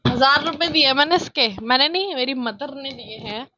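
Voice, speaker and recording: A young woman from India with a childlike voice, chatting loudly and excitably through a casual vlog, filmed on a phone on a tripod. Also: high voice, moderate pace, dull audio, noisy background. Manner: chatty, self-mocking, loud and excitable. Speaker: vlogger.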